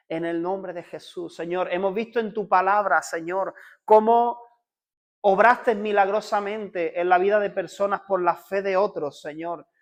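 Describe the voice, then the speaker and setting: A Spanish-accented man with a high, light voice leads a church in prayer. His delivery is fervent and pleading, and he keeps returning to short repeated calls to the Lord. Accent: Spanish (Spain). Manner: fervent prayer, repeating "Señor" constantly, rising to urgent pleading. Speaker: pastor. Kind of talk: leading a congregation in prayer.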